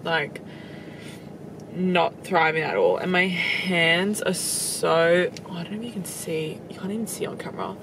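Australian woman, twenties, casual vlog chat, creaky voice, handheld phone, noisy car background. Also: lowish voice, expressive, a little slow. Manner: chatty, filler-heavy, says "like" often. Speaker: travel vlogger. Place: car and outdoors on a road trip. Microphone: handheld camera or phone. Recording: noisy with vehicle and outdoor sound.

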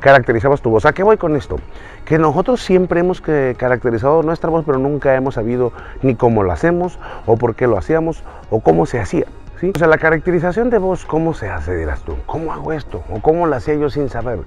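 A man casually teaching voice acting online, animated and speaking straight to the viewer. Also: fast. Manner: animated, talks straight to the viewer, jumps between pitches. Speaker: voice-acting teacher, channel host. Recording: dull lo-fi sound with faint music.

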